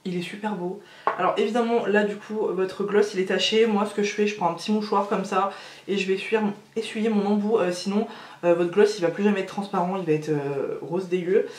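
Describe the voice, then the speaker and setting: A woman's voice: mid-range voice, fairly even intonation, fairly quick, darkish tone, roomy sound. A woman chatting casually through a makeup tutorial, gushing over each product with lots of hesitations. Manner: chatty and gushing, many fillers. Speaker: beauty vlogger.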